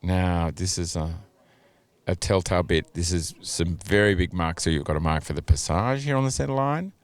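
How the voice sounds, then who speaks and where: A man with a low voice gives a measured analysis of a dressage test over video, regularly hedging with "you know" and "a little bit."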